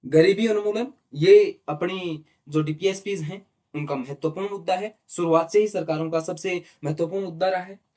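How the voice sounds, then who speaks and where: A man's voice: high voice, normal speed, warm tone. A male teacher giving a lecture and explaining terms step by step, who often asks rhetorical questions and checks with "right?". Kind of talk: classroom lecture in Hindi mixed with English terms.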